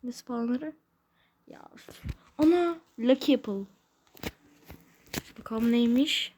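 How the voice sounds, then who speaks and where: Slow-talking excitable woman gamer. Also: on the high side, slight background noise. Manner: excitable, blurts slangy exclamations and mild curses; talks to self while playing, short bursts. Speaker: gaming channel host. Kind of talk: casual let's-play commentary.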